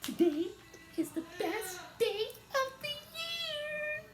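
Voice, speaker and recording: A man doing Piggie, a squealing excited pig. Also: very high voice, takes it slowly, echoey room, exaggerated voice. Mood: overjoyed. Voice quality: squealing, sing-song. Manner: bursting with excitement, exclaims. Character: bubbly excitable young female pig.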